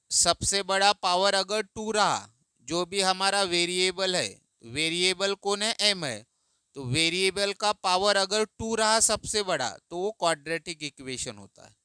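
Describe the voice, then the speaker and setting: A man teaching math in Hindi, explaining slowly and patiently, asking and answering his own questions. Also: high voice, bright, forceful tone, clean tone, no echo, clean studio sound.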